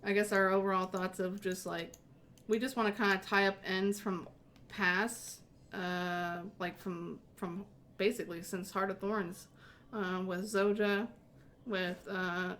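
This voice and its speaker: A woman hosting a relaxed game-talk stream, rambling along with plenty of "like" and "uh". She sits at middle pitch for a woman and keeps restarting her sentences. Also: measured pace, a little hiss or hum. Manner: rambling, many fillers and restarts. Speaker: host. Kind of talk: casual podcast chat.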